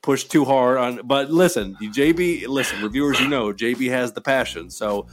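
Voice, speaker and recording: A man's voice: mid-range voice, normal speed, soft background music. A man hosting a podcast with casual, playful banter and a hype-man delivery full of exclamations. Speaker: podcast host.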